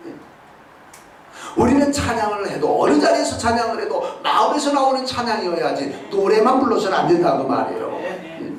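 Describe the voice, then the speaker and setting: A man preaching with a fairly high voice, lively and animated, and often tossing questions out to the congregation. His voice booms around a big, echoing sanctuary and sounds distant from the mic. A faint hum of room ambience sits underneath. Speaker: pastor. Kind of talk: sermon. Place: church sanctuary. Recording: echoey church hall from far off.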